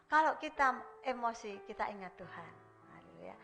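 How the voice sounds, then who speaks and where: A woman preaching a sermon, speaking straight to the congregation and swinging between emphatic and hushed delivery. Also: a little high, big pitch swings, normal speed, vocal fry, soft background music. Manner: constantly addresses the congregation directly.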